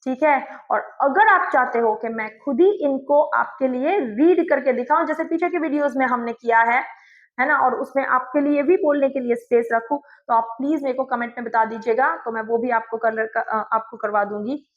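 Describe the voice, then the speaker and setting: A woman, an English teacher giving a phonics lesson, sounding out word parts slowly and then saying the whole word. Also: high-pitched, dull audio.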